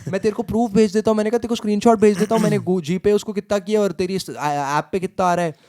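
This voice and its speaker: Young man, Indian accent, high-pitched, heated profane storytelling, podcast co-host. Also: fairly even intonation, fast talker, mellow. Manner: heated, profane ranting, mixing Hindi and English.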